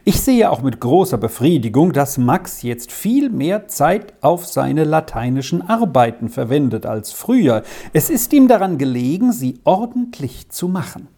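A woman voicing a calm, firm mother who speaks with composure in a storybook reading. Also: low-pitched, a little slow, exaggerated voice.

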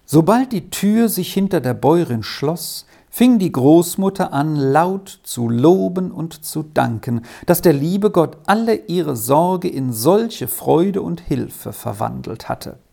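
A woman reading a children's story aloud as narrator, in a calm and measured way. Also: low voice, creaky.

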